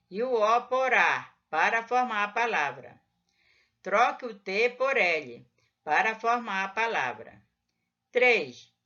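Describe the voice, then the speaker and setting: A woman teacher guides young pupils through a workbook page by page. She speaks slowly and patiently, stretching out syllables so children can follow. The recording sounds muffled and low-fidelity. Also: a bit bright. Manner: slow, patient, drawn-out syllables. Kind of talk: explaining a textbook lesson to children.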